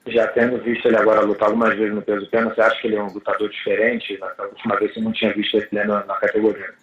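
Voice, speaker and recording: Casting: Brazilian-accented man, lowish voice, extremely quick talk, dull echoey speakerphone sound. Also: flat delivery. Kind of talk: conversational answers and translation on a press call. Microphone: telephone conference call.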